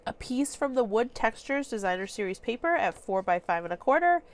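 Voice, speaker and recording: A woman's voice: on the high side, sing-song, fairly quick. Stuffy congested woman walking thru a craft tutorial, chatty, lots of ums. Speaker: papercraft tutorial host.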